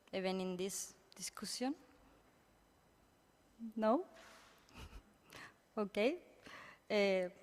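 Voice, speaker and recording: A woman with an Andalusian Spanish accent gives an informal conference talk in halting non-native English, searching for words. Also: medium pitch, smooth. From Andalusia, Spain. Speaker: university researcher speaking at a symposium. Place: conference room. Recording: echoey hall with long reverb.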